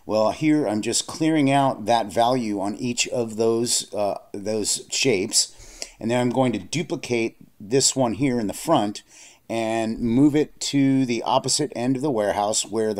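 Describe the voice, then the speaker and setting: A software instructor narrates a screen-recorded tutorial, explaining steps plainly. His voice is lowish and a little slow, and he uses frequent fillers and restarts.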